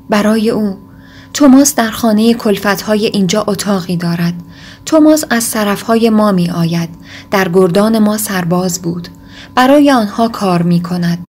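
A woman's voice: mid-range voice, a little mellow, a little hiss or hum, natural voice. A woman reading a brooding desperate young man. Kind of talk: audiobook reading.

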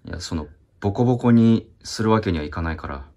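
A man's voice: low-pitched, animated, fast talker, dark tone. A man in his thirties playing a meek, awkward salaryman in a comedy sketch. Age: 30s. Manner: hesitant, timid, awkward.

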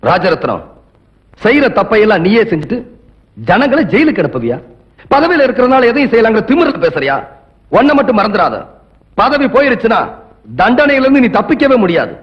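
Righteous young rebel, high animated voice. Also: male voice, a little fast, long pauses. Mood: angry defiance. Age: young adult. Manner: firm, moralizing, challenging. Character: defiant, righteous young male champion of the poor. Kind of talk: dramatic Tamil film dialogue. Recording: dull lo-fi film soundtrack.

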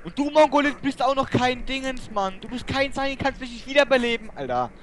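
A man raging and swearing at opponents while playing an online shooter, yelling in outbursts and muttering low in between. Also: animated, brisk. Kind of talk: raging gameplay commentary.

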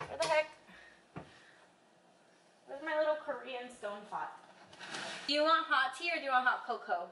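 A woman's voice: sits high, normal speed, noisy background. Giggly woman in her late twenties vlogging. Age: late 20s. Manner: chatty, giggly, often laughing. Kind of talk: casual vlog chat.

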